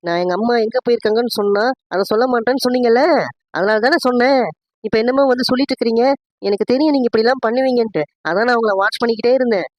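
A woman voicing a sharp-tongued young woman in a cartoon family skit, defiant and scolding. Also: a little high, rapid-fire.

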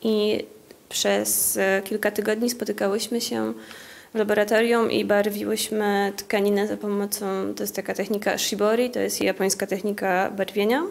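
Young woman, creaky and even-toned. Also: medium pitch, moderate pace. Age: 20s. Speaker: art student. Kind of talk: interview at exhibition opening. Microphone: handheld interview microphone.

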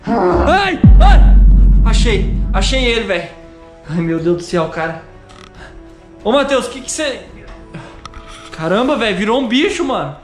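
A man's voice: sits high, expressive, normal speed, long pauses, over music. A man with a Brazilian Portuguese accent, filming an acted horror vlog and talking anxiously to his viewers while calling out for a missing friend. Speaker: YouTuber. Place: outdoors at a country house at night.

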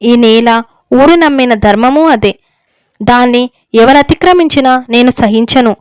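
A woman's voice: fairly high pitch, a little slow, clear, resonant tone, no echo, natural voice. A woman reading the lines of a stern older village elder husband who lectures on righteousness. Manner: stern, moralizing, unbending. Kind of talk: story reading.

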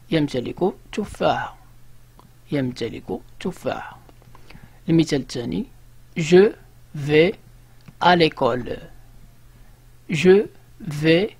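A man with a Moroccan accent giving an online French lesson. He speaks slowly and repeats each example word by word. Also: on the high side, husky. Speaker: French teacher.

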